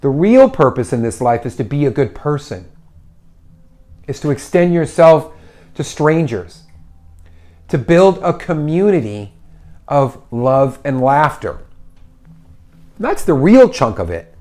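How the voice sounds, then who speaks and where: 40s guy doing a live advice show, kinda high voice, bounces around a lot, upbeat and encouraging. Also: slow, long pauses. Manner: animated, encouraging, acts out little voices. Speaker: host. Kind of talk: casual advice talk. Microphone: phone livestream.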